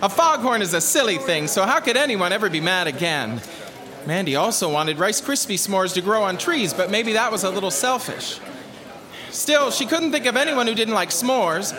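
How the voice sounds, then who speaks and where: A man's voice: high-pitched, lively intonation, normal speed, a crowd in the background. A man playing a jaded, weary storyteller. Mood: storytelling. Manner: sardonic, deflated. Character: weary male storyteller Michael, jaded and sarcastic. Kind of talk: audio drama acting.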